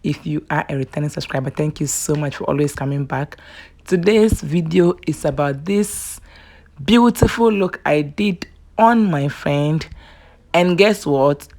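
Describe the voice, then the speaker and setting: A woman talks through a makeup tutorial in a casual, chatty way. Her voice sits low and has a gravelly fry to it. She is warm toward her audience and keeps saying "yes" as she moves between steps. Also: a little slow. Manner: chatty and affectionate, repeats "yes" often. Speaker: beauty vlogger.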